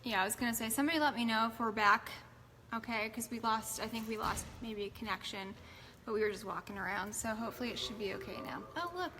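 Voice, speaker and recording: An easygoing woman morning host, her voice sitting a little high for a woman. She chats casually and organizes her crew. A long echo trails her words, with steady room noise from the large newsroom behind her. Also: quick pace. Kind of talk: casual off-air chat. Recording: reverberant newsroom with background noise.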